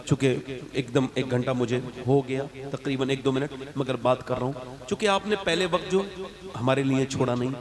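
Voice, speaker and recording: A man giving an emotional sermon at a religious gathering. He moves between soft, tearful storytelling and fervent shouting, and chants verses in a sing-song lilt. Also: mid-range voice. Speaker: Islamic preacher. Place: religious gathering before a crowd. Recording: crowd audible behind the voice. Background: audience calling out responses.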